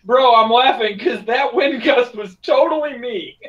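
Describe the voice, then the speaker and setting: A man's voice: extremely high pitch, unhurried, fairly bright tone, recorded from a distance, highs cut off. A cocky, teasing adventurer with a breezy way of talking, as a man plays him in a tabletop game. His voice sounds set back from the mic. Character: cocky joking male adventurer, Vlad.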